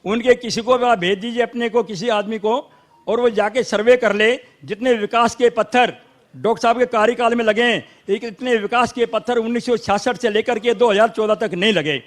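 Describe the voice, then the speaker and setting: A man's voice: extremely high pitch, fairly even intonation, normal speed. A man with a Haryanvi accent, a local supporter arguing insistently in a heated panel debate. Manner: insistent, argumentative, interrupts to defend his side.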